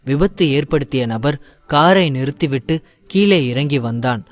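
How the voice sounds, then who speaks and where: A male storyteller reads scripted narration for a dramatic audio story. His voice sits at an ordinary middle pitch. His delivery is steady and dramatic. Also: measured pace.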